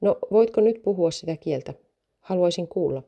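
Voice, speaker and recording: A woman reading the part of a touchy teenage big sister who asks sharp, challenging questions. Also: fairly low pitch, expressive, vocal fry. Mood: questioning.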